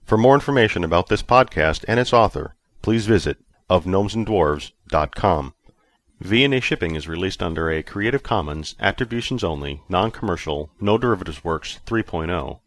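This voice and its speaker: A man, the podcast's author, reading the outro in a plain, measured way. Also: deep voice, expressive, no room sound.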